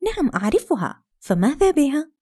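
A woman's voice: sits high, very animated, fairly quick, dark tone, pitched above the performer's own voice. A woman doing a proud fretful storybook princess. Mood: anxious, haughty. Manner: fearful yet sarcastic. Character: anxious proud princess, young mother, sharp-tongued.

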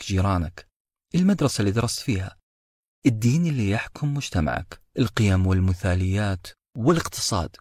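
A man with a deep, slightly husky voice narrates a book-summary podcast in a reflective, storytelling manner, speaking directly to his listeners. The recording is dry and close, with soft music playing underneath. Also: no room sound. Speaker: podcast host.

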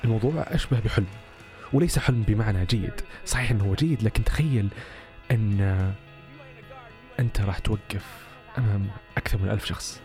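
A man's voice: lowish voice, fast talker, pauses often, a little mellow, faint music behind. A man telling a personal story casually on a podcast, with many rhetorical questions.

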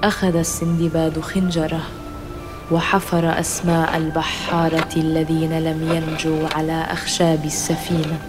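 A narrator reading a scripted children's adventure story in a measured storytelling style. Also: male voice, a little high, monotone, music in the background.

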